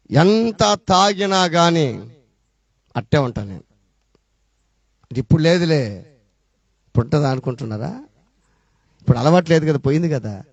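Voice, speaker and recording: A middle-aged man with a Rayalaseema accent preaching a testimony sermon, throwing out rhetorical questions and swinging between loud and low. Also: dry recording, lo-fi sound. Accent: Rayalaseema Telugu. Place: church.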